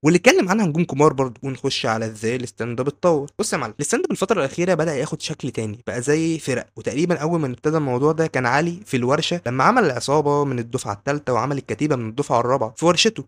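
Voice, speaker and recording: A man's voice: fairly high pitch, no room sound. A man with an Egyptian Arabic accent presenting a conversational, opinionated explainer, speaking informally and straight to the listener with emphasis.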